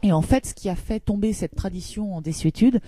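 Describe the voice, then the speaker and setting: A woman with a very dark, mellow voice tells a little history story on a talk show, pausing to correct herself now and then. Her voice sounds close and dry. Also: medium pitch, no echo. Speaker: co-host presenting a history segment. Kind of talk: chatty storytelling.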